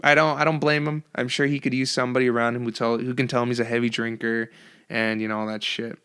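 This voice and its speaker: A man's voice: mid-range voice, level tone, quick pace, a bit bright, smooth. A young man hosting a solo podcast, ranting casually and profanely with lots of restarts. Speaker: podcast host.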